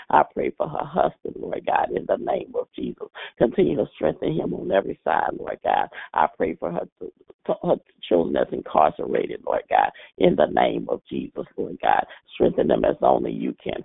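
A man's voice: very deep voice, gravelly, slightly rough, no room sound. A man leading a morning prayer line, praying fervently and repeating "Lord God" after nearly every phrase. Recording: tinny phone line.

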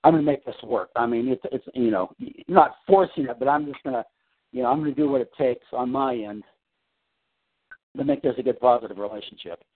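Speaking briskly at medium pitch, a man on a casual coaching call discusses his work from home. He rambles, restarting often and using fillers, and the phone line sounds tinny.

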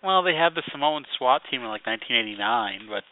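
A man's voice: medium pitch, expressive, fast. A man co-hosting a wrestling podcast, chatting casually and rambling. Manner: rambling, heavy on "like" fillers. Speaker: podcast co-host. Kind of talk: casual chat. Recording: tinny phone-like dry sound.

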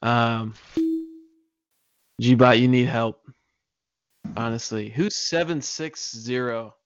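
A man's voice: medium pitch, slow, clean tone, no room sound. A man chats on a casual online show, rambling and hesitant with the odd curse. His audio is dry and close, with a muffled lo-fi band.

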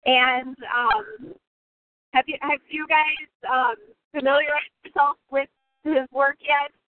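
A woman's voice: sits high, fairly even intonation, slow, no echo. A woman occupational therapist joining a casual discussion by phone while she drives, her line breaking up now and then as she searches for her words. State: connection breaking up. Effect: calling in on a phone while driving a car. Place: in a moving car. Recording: tinny phone line with faint car noise.

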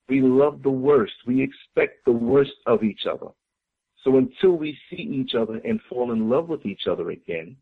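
An American man appears as a talk-show guest, his medium-pitched voice slightly rough. He speaks with impassioned, preacher-like fervor, repeating phrases for emphasis. The audio is tinny, like a phone line.

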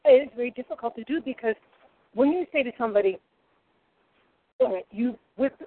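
A woman in her forties, a guest cook with a Rhode Island accent, speaks at a moderate pace in a voice on the high side. Her casual chat is boisterous and rambling, and the recording sounds tinny, like a phone.

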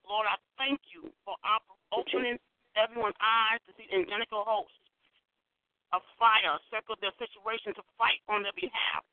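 A man's voice: high voice, steady tone, normal speed, dry recording. A man leading an emphatic decreeing prayer on a conference call, heard over a crackly phone line that fades in and out. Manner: emphatic, repeats declare and decree. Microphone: phone held away from the mouth. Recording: tinny dry phone line.

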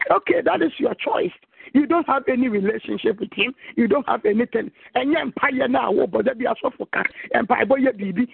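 High, gravelly Ghanaian preacher on a phone line. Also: male voice, no room sound. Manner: exhorting, mixes scripture quotes with local-language preaching. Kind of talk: sermon mixing Twi and English.

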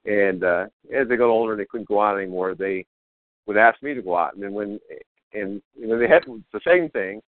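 A man's voice: lowish voice, normal speed, no room sound. Wired, rambling middle-aged man, muffled radio sound. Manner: wired, caffeinated-sounding, eager talker; rambling, repeats and restarts phrases. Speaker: self-help author, interview guest. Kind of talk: casual motivational talk.

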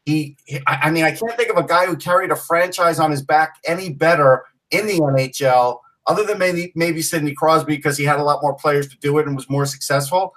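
A Long Island, New York man co-hosts a casual sports podcast, opinionated and full of stories. His voice is on the high side and a bit bright, and he talks briskly with hardly any pauses. The low-quality recording uses a distant mic.

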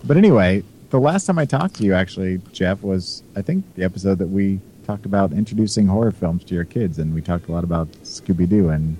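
Man, fairly low voice, joking co-host, casual chat, faint background noise. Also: brisk, hardly any pauses, warm tone, low-quality recording. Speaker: podcast co-host.

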